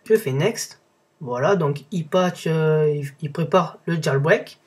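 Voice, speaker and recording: Young male tech blogger, casual how-to, slightly high voice, lots of ums and self-corrections. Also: slow pace, darkish tone, breathy edge. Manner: chatty, many fillers and self-corrections. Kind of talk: casual screen-recorded tutorial.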